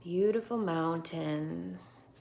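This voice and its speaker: An American woman teacher brings a picture book to life for children, pausing to ask them questions as she teaches through the story. Her voice is on the low side and creaky, with background noise present.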